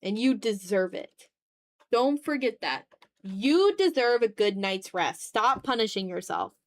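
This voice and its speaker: On her live drawing stream, a woman talks casually in a fairly high voice with lively intonation, never hurrying. She comes across as playful and a bit dramatic, swearing in an offhand way.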